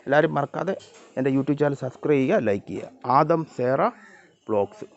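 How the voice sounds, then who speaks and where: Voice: mid-range voice, expressive, fairly quick. A vlogger chatting to their cats in a coaxing, teasing voice, recorded with dull lo-fi sound. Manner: coaxing, teasing sing-song talk to animals. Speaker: pet vlogger. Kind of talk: casual talk to pet cats.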